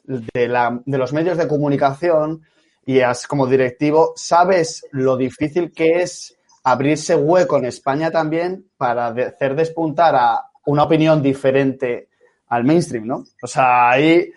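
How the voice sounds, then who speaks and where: A man's voice: medium pitch, measured pace, a little mellow. A man hosting a round-table talk, posing long, rambling questions to guests. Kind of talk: casual round-table chat.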